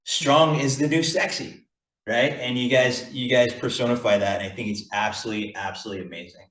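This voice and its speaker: A man hosting a relaxed roundtable chat, eager and rambling as he starts his sentences over. His voice sits in the middle range. The room around him rings with noticeable echo. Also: medium pitch, a little fast. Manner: enthusiastic, rambling with restarts. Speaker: podcast host. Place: fitness studio. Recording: roomy echo.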